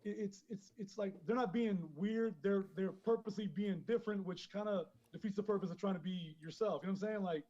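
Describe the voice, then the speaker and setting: A man who grew up in Queens, high and chatting casually as a podcast guest, rambling, swearing a lot and laughing often. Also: a little fast, few pauses, mellow. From born in Honduras, grew up in Queens, New York. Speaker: guest caller, clothing brand founder. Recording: dull lo-fi phone call.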